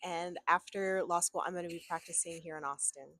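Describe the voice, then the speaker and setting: Young woman law student from houston, low-ish voice, candid and kinda tired. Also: fairly even intonation, brisk, noisy background. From Houston, Texas. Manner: candid, a bit weary, laughing. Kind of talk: casual interview answers.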